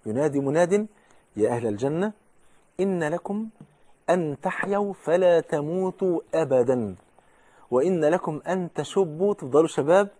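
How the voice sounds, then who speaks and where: Emphatic Egyptian preacher, high voice. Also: male voice, husky. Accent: Egyptian Arabic. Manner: emphatic, swings from loud declaiming to hushed asides. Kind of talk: sermon on the afterlife.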